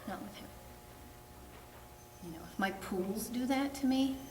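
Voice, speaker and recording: A woman's voice: a little high, normal speed. A woman dog trainer coaching a client in a frank, plainspoken way. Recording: roomy, distant, noisy background.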